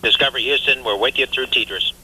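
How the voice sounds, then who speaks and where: A man's voice: medium pitch, fairly quick, pushed and bright, slightly rough. A man making terse mission control calls over a thin, tinny space-to-ground radio link. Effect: space radio transmission.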